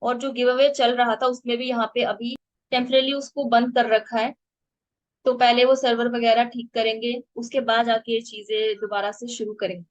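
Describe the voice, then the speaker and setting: A woman's voice: on the high side, level tone, moderate pace, no echo, muffled recording. A woman presenting crypto news in a casual explainer style, talking through each story with frequent fillers and restarts.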